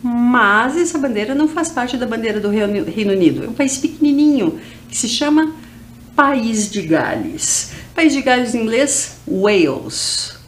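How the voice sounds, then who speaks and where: A woman teaching English to schoolchildren on educational TV, with a Brazilian Portuguese accent, saying model phrases slowly for the class to repeat. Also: a little high, very animated, slight background noise. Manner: slow, drawn-out model phrases for repetition.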